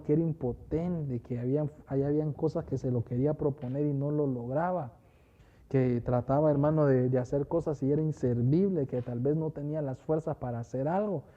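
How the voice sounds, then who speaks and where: A man's voice: fairly high pitch, highs cut off. A man preaching a sermon as pastor, often calling listeners "hermano" and restarting his phrases. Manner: repeatedly addresses listeners as "hermano", with fillers and restarts.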